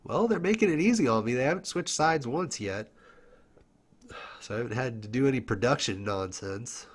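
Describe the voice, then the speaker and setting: A man's voice: medium pitch, animated, normal speed, breathy edge. A man doing casual solo play-by-play for a fighting game tournament, stuffed up from a cold, chatty and full of fillers and little laughs. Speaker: esports commentator. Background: game music.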